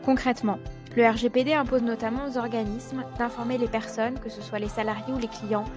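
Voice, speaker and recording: A woman's voice: fairly high pitch, fairly even intonation, a little fast, over music. A woman reading scripted explainer narration in a question-and-answer format.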